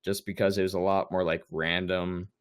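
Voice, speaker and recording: A man's voice: low-pitched, little pitch movement, normal speed, smooth, dry recording. A young man in casual chat on a gaming podcast, rambling with lots of fillers and restarts. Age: young adult. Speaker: podcast co-host.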